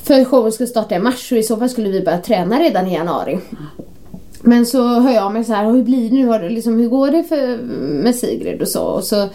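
A woman co-hosting a podcast, chatting casually and acting out quoted messages and calls as she tells a story. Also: on the high side. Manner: animated storyteller, acts out quoted texts and calls. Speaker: podcast co-host. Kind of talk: casual chat.

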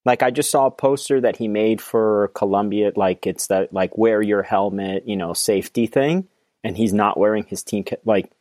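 A man co-hosting a casual podcast chat, talking in a relaxed, conversational way that often trails off mid-thought. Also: on the low side, moderate pace, dry recording, clean studio sound. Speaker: podcast co-host.

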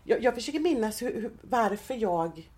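A woman in her thirties, a guest in an interview, talking in a hesitant, halting way with many restarts. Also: a little high, animated, a little mellow. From Sweden. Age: 30s. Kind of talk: personal interview.

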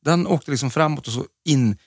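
Male co-host with vocal fry, relaxed and joking, close dry mic. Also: medium pitch, no room sound. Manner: laid-back, joking, hesitant restarts. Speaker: podcast co-host. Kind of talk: casual chat.

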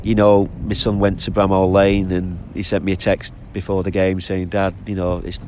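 Low-pitched chatty man with a Lancashire accent. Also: completely flat delivery, normal speed, darkish tone. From Lancashire, England. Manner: chatty, colloquial. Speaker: supporters group member being interviewed. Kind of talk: casual conversational interview. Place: outdoors by the sea. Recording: outdoor recording with clear background noise.

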